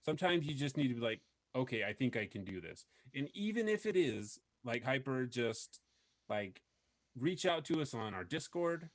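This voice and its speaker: A man's voice: mid-range voice, big pitch swings, normal speed, no echo. A man hosting a podcast, talking earnestly and rambling with many fillers in casual chat. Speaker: podcast host.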